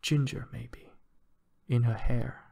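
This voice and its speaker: A man reading a short story aloud in a measured, even storytelling manner. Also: mid-range voice, creaky. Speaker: narrator.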